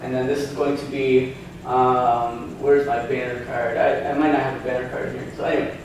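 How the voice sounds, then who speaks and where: A man's voice: medium pitch, little pitch movement, moderate pace, a little mellow, distant mic, slight background noise. Chatty man lecturing in an echoey room. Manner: chatty, many ums and restarts, asks audience questions. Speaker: seminar presenter. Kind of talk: informal lecture with slides. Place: hotel meeting room, indoors. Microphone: far camera, no handheld mic.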